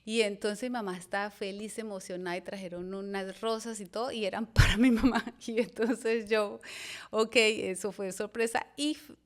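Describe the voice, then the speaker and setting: Lively woman telling her story. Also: mid-range voice, moderate pace. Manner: lively storyteller who voices her mother and fiancé in quotes. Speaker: pastor. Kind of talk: personal testimony on a podcast.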